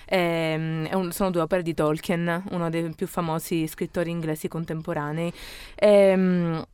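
A woman's voice: fairly low pitch, level tone, moderate pace, darkish tone, clean tone, no room sound. A woman from Sicily speaking Italian with a Sicilian accent and occasional dialect turns, in casual conversation as a guest. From Sicily, Italy.

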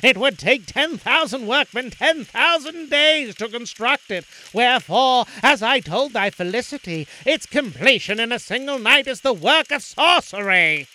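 A man's voice: very high voice, expressive, a little slow, hardly any pauses, bright, forceful tone, slight background noise, voice pushed up, full character voice, low-quality recording. A man voicing a grave, envious old royal minister who speaks in solemn warnings.

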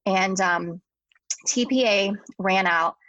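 Young adult woman, hospital staff, recounting a personal story earnestly, with restarts, mid pitch, dry room. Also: takes it slowly, fairly bright tone, no room sound, lo-fi sound. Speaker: interview guest, hospital worker.

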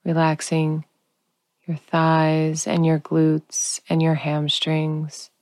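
A woman guiding a sleep meditation in a calm, soothing, unhurried sleep-story narrator manner, leaving long pauses. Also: deep voice, no echo, studio quality. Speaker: guided relaxation narrator.

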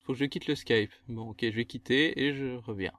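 A man's voice: mid-range voice, fairly quick, a bit bright. A man hosting a gaming podcast, chatting casually and teasing his co-hosts with exasperated banter. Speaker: podcast host. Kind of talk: casual chat.

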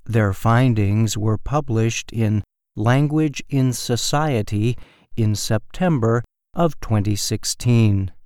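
A man reading a scripted educational report in a careful, measured and deliberate way. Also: fairly low pitch, a little mellow, clean tone, no echo, clean studio sound. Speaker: narrator of a learning-English news report. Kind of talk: slow, careful scripted narration.

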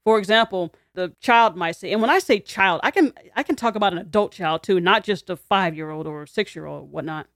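A woman's voice: on the low side, brisk, hardly any pauses, dry recording, studio quality. A woman who teaches, talking through ideas conversationally, acting out quoted lines and laughing in her asides. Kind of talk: explanatory talk to camera.

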